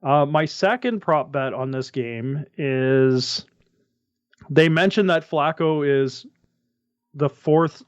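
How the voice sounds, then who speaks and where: Casual podcast co-host, a man, higher-pitched voice, rambling and self-correcting, dull lo-fi dry recording. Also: slow pace, dry recording. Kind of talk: casual sports chat.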